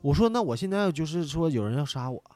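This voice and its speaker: A man tells a story at a rapid clip, swearing freely and shouting out the loud parts. His pitch swings widely. The close, dry mic sits over faint music. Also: no room sound. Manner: animated, swearing, shouting in re-enactment. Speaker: podcast guest. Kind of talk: casual storytelling.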